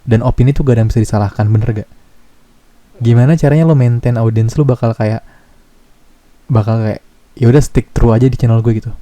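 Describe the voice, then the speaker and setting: A young man with a Jakarta slang accent hosting a casual podcast chat, relaxed and searching for his words. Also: mid-range voice, fairly quick, long pauses, no echo. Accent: Jakarta slang Indonesian. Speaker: podcast host.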